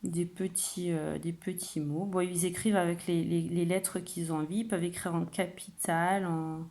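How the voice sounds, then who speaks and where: A woman, a kindergarten teacher, calmly explaining a phonics game to parents and stretching out example words. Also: on the low side, moderate pace, slight background noise. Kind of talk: home-schooling phonics lesson for parents.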